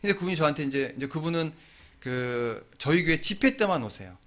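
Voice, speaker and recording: Brief: male preacher, lively swooping delivery, storytelling sermon, dull lo-fi recording. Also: fairly high pitch, a little fast. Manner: animated storytelling, acting out dialogue. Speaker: pastor.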